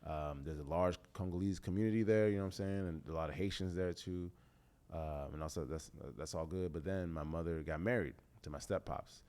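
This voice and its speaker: Very deep-voiced man chatting casually. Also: fairly quick. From Canada and Texas. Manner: relaxed, slangy, with frequent fillers. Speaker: musician guest. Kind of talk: casual interview chat.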